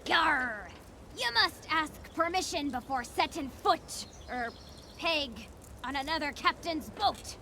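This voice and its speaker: An actress voicing a brash punk teenage girl in a video game, putting on a mock-gruff pirate manner, with noise behind the game audio. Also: high-pitched, lively intonation, takes it slowly, sharp tone, heavily acted. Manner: mock-gruff pirate talk, playful and bossy.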